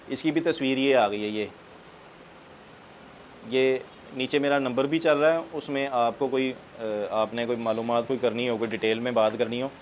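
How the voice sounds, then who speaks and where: A man's voice: mid-range voice, highs cut off. A man gives casual, chatty advice on keeping pigeons and keeps saying "theek hai". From Pakistan. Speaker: pigeon keeper giving advice. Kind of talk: casual how-to talk. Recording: faint bird noise in background.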